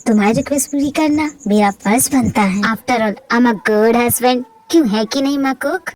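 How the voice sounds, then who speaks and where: A woman's voice: on the high side, moderate pace, darkish tone, close to an everyday voice, low-quality recording. A woman voicing an obsessive, possessive young mafia husband in a fan-fiction audio drama, pleading one moment and lashing out the next. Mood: smug. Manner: pleading and possessive, swings to angry outbursts.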